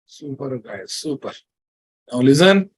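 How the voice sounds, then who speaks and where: A man's voice: medium pitch, very animated, measured pace, husky. A man with a Telugu Indian English accent teaching a programming class, repeating himself and often checking that listeners follow. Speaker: programming instructor. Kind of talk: classroom lecture.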